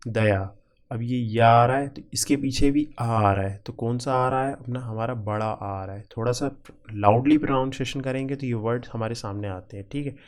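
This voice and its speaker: A male teacher walks exam students through a grammar lesson at a plain middle pitch. He splits each word into its parts one at a time and checks in with the class again and again. His delivery is patient and repetitive. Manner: repetitive, keeps checking in with "ठीक है"; spells out word parts slowly, piece by piece.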